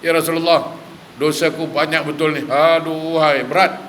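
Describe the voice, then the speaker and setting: A man's voice: fairly high pitch, fairly even intonation, normal speed, fairly bright tone, slight background noise, lightly acted. A man voicing a remorseful young male gravedigger who pleads and confesses through tears. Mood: pleading.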